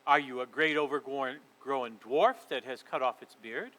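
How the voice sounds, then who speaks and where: A man reading a storybook aloud and voicing a cold, imperious queen with loud, scornful outbursts. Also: medium pitch, a little slow, pitched below the performer's own voice, rough recording. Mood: haughty.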